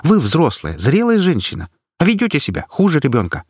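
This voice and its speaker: A man's voice: wildly swooping pitch, brisk, darkish tone, breathy edge, dry recording, studio quality, full character voice. A man voicing an indignant young woman who defends animals and lectures people. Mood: outraged. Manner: shrill, moralizing and outraged.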